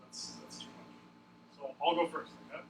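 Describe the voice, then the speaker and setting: A man's voice: on the high side, fairly even intonation, normal speed. A man with a Long Island accent teaching a class informally, conversational and often checking in with short questions. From Long Island, New York. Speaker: coding instructor. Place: classroom, addressing a group. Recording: noisy echoey room, distant mic.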